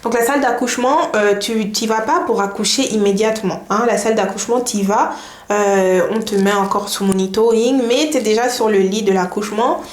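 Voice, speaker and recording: A young woman telling a personal story to her viewers in a lively, chatty way. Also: mid-range voice, fairly quick. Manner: lively, chatty, laughs while telling, addresses viewers directly. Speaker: vlogger. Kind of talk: casual storytime to camera. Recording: echoey room, faint noise.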